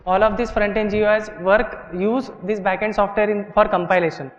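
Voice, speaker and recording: High-voiced Indian man teaching in a hall. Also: steady tone, a little fast. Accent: Indian English. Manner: explains step by step, often checks with "okay" and "right". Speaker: workshop instructor. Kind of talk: live classroom teaching. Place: large lecture hall. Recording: dull, echoey lecture hall recording.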